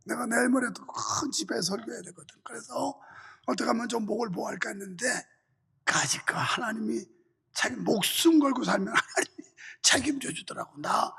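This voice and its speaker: High, gravelly male pastor preaching fervently. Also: moderate pace. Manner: fervent preaching, rhythmic shouted refrains. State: voice strained from heavy use. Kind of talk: sermon. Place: church sanctuary. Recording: reverberant church hall.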